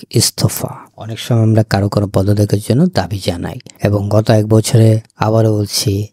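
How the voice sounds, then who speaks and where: A man with a low, mellow, somewhat husky voice teaches English vocabulary to Bengali speakers. He says each word and repeats its meanings as a deliberate list, and the recording is close and dry. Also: no echo. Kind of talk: vocabulary lesson.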